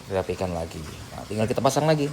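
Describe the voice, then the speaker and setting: A tutorial host with a lowish, animated voice talks very fast through a casual hands-on tutorial, informally narrating each step as he works. There's clearly noisy background sound.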